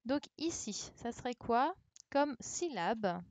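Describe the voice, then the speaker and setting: Slow, patient woman teacher. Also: fairly high pitch, animated, dry recording. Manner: patient, encouraging, repeats answers. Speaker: primary school teacher. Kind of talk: online class correction, speaking slowly to children. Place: home, remote livestream. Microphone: computer mic on a live stream.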